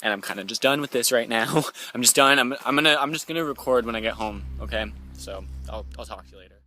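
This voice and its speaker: A young man filming himself in the woods, rambling nervously with uneasy laughs and swinging between hushed muttering and loud exclaiming. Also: medium pitch, fast, slight background noise. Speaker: amateur paranormal vlogger. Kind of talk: handheld found-footage vlog. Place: woods outdoors.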